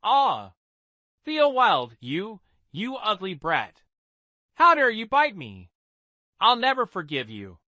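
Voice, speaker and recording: A man voicing an angry, whiny chubby schoolboy in a shrill, indignant voice. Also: wildly swooping pitch, slow, pauses often, sharp tone, no echo, heavily acted. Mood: furious.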